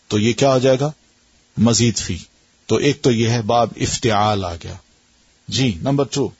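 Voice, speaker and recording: This is a man with a Pakistani accent leading a grammar lesson, his voice husky with a breathy edge. He questions his students patiently and sounds out word patterns slowly. The recording is dry and muffled, like a lo-fi lecture tape. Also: mid-range voice, darkish tone, dry recording. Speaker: Arabic grammar teacher. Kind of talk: classroom lesson.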